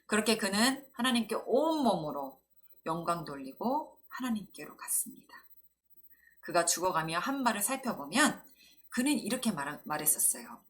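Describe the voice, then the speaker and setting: Woman, children's pastor, gentle storytelling sermon with a very animated pitch. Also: normal speed. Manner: gentle storyteller, acts out quoted lines. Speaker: children's Sunday school preacher.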